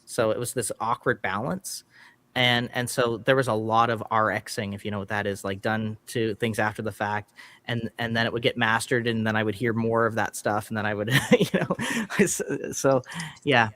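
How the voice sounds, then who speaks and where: A man's voice: on the low side, normal speed, a bit bright. A man talking in a casual, rambling chat, full of fillers and restarts. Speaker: musician and host.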